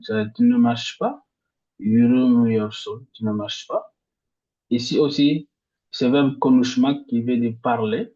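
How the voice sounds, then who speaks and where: Guy teaching a language class super slowly, says every example word over and over, trips over his words, kinda dull lo-fi sound. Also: mid-range voice, a little mellow. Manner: restarts and filler hesitations. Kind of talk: slow step-by-step grammar lesson. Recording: slightly dull lo-fi audio.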